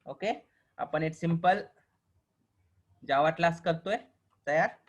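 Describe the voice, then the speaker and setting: A man with a Marathi accent teaching a programming class online, often pausing to ask whether the students understand and slowing down for the English definitions. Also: fairly high pitch, muffled recording. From Maharashtra, India. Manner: keeps checking if students understand; mixes slow dictated English with quicker explaining.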